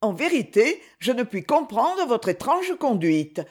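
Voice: mid-range voice, very animated, unhurried. A narrator voicing a proud young woman who answers with firm, scornful defiance.

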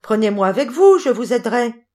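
A woman voicing a tiny, bold and playful boy in a storybook, calling out in a high, bright voice. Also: animated, moderate pace, natural voice. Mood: eager.

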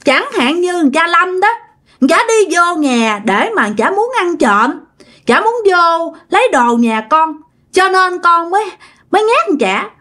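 A woman voicing the ghost of a wronged young woman, pleading in a high, tearful wail. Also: sing-song, moderate pace. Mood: aggrieved.

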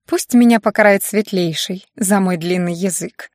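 A woman voicing a proud, sharp-tongued young female student with a snippy, mocking manner. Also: medium pitch, moderate pace, dry recording, studio quality, close to an everyday voice. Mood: snippy confident.

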